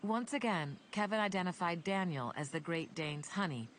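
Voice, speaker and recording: A woman narrating an audiobook in an even, measured reading. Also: lowish voice, slight background noise.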